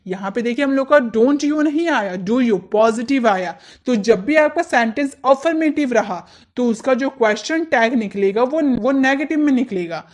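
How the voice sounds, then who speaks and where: A woman teaching English grammar, explaining step by step and slowly repeating example sentences. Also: on the high side.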